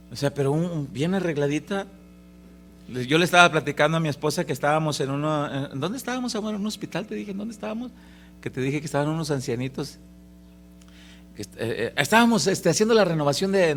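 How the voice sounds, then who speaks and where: A man preaching a Sunday sermon in a folksy, joking way, getting loud when he stresses a point. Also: on the high side, slight background noise. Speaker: pastor. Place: church service.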